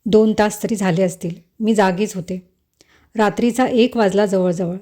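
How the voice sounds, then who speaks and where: A woman telling a first-person romance story in an intimate, unhurried scripted narration. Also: medium pitch, steady tone, mellow.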